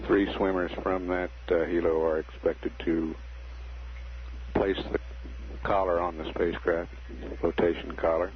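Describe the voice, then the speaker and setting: Low, flat-voiced man on muffled mission radio. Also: unhurried. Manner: deadpan, formal announcing. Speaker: mission control public affairs commentator. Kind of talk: measured live mission commentary. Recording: muffled 1960s space mission radio, noisy.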